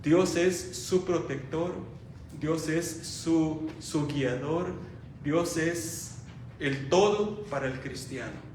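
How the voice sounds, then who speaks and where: A male pastor preaching a sermon, slow and dramatic, swinging from loud emphasis to hushed tones. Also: on the high side, slight background noise. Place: church. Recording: echoey church hall, from far off.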